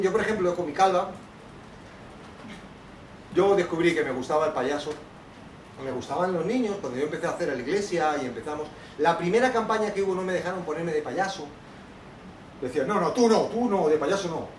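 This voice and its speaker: A man giving a lively workshop talk to an audience, acting out children's voices as he tells stories. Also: a little high, fairly quick, long pauses, slight background noise. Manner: animated, acts out children's voices. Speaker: children's ministry teacher. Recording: echoey hall, from a distance.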